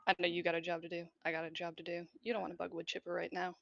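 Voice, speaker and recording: A woman voicing a streetwise, persuasive fixer in a quick, confiding, conspiratorial tone for a tabletop role-play. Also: on the low side, completely flat delivery, creaky, a bit bright, dry recording, lo-fi sound.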